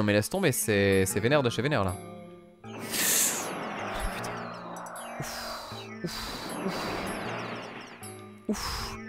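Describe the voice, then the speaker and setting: A young man streaming a video game live, commentating excitably, swearing and shouting at the game. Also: a little high. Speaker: gaming streamer.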